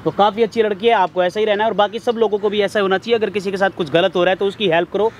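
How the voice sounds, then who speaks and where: A man's voice: high-pitched, fairly even intonation. A man hosting a hidden-camera social experiment on a street, first pleading, then stubbornly arguing back. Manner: pleading then defiant, fast talking. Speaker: prank video host. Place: city street outdoors. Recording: street noise behind.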